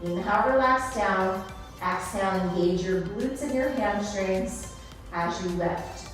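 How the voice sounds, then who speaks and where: A woman's voice: medium pitch, measured pace. A woman leading a workout as an aerobics-style Pilates instructor, cueing moves and counting down reps in an encouraging, instructive way. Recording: echoey room, distant, music behind.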